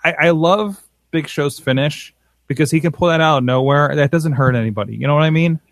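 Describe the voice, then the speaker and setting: A man co-hosting a casual chat, talking in an excitable, rambling way with many restarts. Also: on the high side, fairly quick, no echo. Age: adult with a father-in-law. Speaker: podcast co-host.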